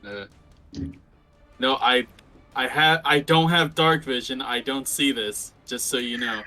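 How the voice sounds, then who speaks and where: A man with a bright, forceful voice plays a tabletop game online, keeping his turns short and matter-of-fact. He speaks in a mid-pitched, plain way over faint music. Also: measured pace. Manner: laconic, narrates his character's actions. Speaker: player.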